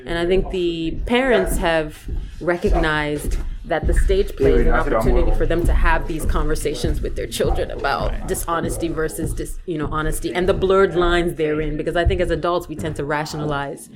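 A woman from Liberia, an author and academic, answering interview questions in an articulate, animated way and laughing readily. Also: sits low, a little fast, over music.

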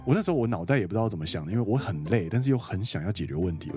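Casting: Taiwanese man, 30s, Taiwanese Mandarin accent, quick animated podcast storyteller. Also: fairly low pitch, faint music behind. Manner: animated, quotes people and acts out dialogue. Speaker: podcast co-host. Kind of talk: casual storytelling chat.

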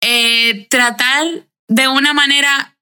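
A bright, fairly high voice from a young woman, speaking earnestly over a video call. She reflects in circling, repeated phrases with small restarts. The sound is plain video-call audio. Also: fairly even intonation, slow, clean tone. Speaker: podcast guest.

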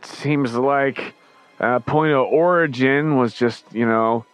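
A man's voice: medium pitch, slow, clear, resonant tone, soft background music, lightly acted. A man voicing a friendly, hesitant male weather assistant who rambles with lots of "uh" and "well". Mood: easygoing. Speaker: game master voicing a character.

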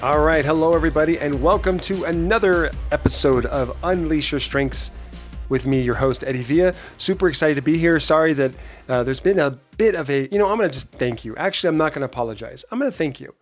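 A man with a hoarse voice giving an earnest, emphatic motivational podcast monologue, talking straight to listeners. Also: on the high side, quick pace, soft background music. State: hoarse voice from being run down. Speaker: podcast host.

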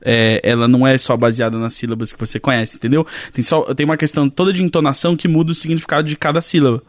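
A man's voice: medium pitch, fairly even intonation, quick pace, no room sound. A Brazilian man co-hosting a casual studio podcast, joking and explaining things at length. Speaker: podcast co-host.

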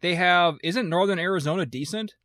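A man's voice: high-pitched, fairly quick, a bit bright, no echo, studio quality. A man co-hosting a casual sports betting podcast, blunt and teasing, with wry sarcastic jabs at his partner. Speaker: podcast co-host.

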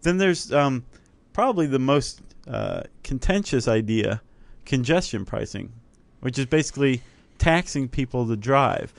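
A man with a mid-pitched voice co-hosts a casual podcast and explains ideas at length. He talks chattily and thinks aloud as he goes. The recording is close and dry. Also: animated, measured pace, creaky, hardly any pauses, no echo. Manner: explanatory, chatty, many fillers and restarts. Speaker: podcast co-host. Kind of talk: casual chat.

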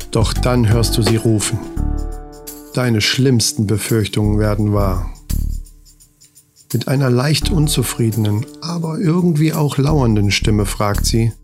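A man reading a mock-dramatic comedy story to the listener, addressing them as you. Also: medium pitch. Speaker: narrator. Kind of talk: scripted comedic narration. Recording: narration over music bed. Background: music.

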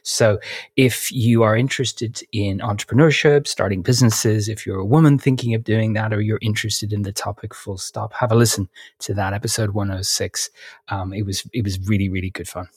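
A man with a throaty, slightly croaky voice, chatting casually as a podcast co-host. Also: fairly low pitch, steady tone, fairly quick, no room sound, clean studio sound. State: throaty voice since waking.

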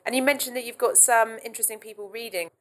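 A woman's voice: fairly high pitch, fairly even intonation, fast. A woman hosting a podcast interview, asking chatty questions with hedging fillers like "sort of". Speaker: podcast host.

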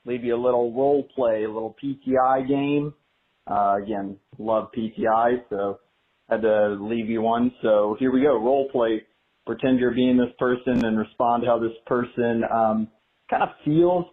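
A man's voicemail message is played back through a thin, phone-like line. His voice sits at an ordinary middle pitch. He sounds upbeat and lays out a little game step by step in a casual tone. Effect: voicemail played over a phone line. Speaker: caller leaving a voicemail.

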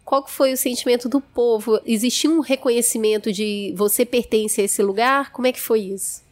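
A woman's voice: fairly high pitch, fairly even intonation, brisk. A woman, hosting and asking the guest questions that draw out her story. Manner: curious, prompting the guest for details. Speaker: host. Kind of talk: interview questions.

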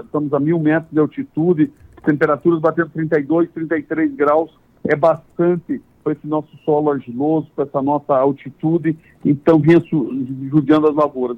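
A man from Santa Catarina, speaking over a landline phone as a farm association president in an interview, plain-spoken with halting restarts. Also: fairly high pitch, no echo. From Santa Catarina, Brazil. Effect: over a landline phone line. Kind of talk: phone interview, casual explanation. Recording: tinny dry phone line.

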